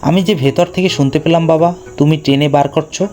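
A man voicing a sensible, caring ten-year-old daughter who speaks gently and earnestly in a storybook reading. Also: on the high side, fairly even intonation, a little fast, soft background music, pitched above the performer's own voice, close to an everyday voice. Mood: gentle.

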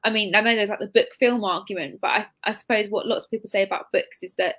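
Hosting a casual live interview for a bookshop, this twenty-something British woman talks informally over a video call, her computer mic picking her up indoors as she chats and hedges with frequent asides. She speaks fast in a mid-range, slightly bright voice with fairly even intonation.

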